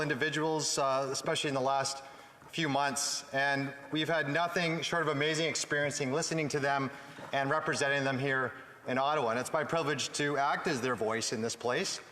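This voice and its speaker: A Canadian man delivers an earnest speech as a member of parliament. His voice is fairly high and forceful, with emphatic short phrases. It rings through a large, reverberant chamber. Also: steady tone, brisk. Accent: Canadian English. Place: large indoor legislative chamber. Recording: echoey chamber with long reverb.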